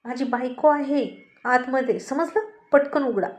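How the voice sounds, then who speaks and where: A woman's voice: fairly high pitch, moderate pace, lightly acted. A woman voicing a brusque, teasing young man who speaks in a curt, bossy way in a spoken story. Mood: anxious.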